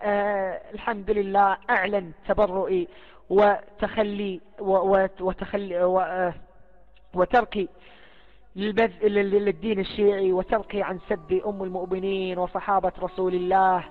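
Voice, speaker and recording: A man's voice: sits high, little pitch movement, normal speed. A man making an impassioned spoken appeal about his faith, emphatic, repeating oaths and phrases, often stumbling and restarting. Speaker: speaker giving a personal religious testimony. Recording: lo-fi, muffled recording.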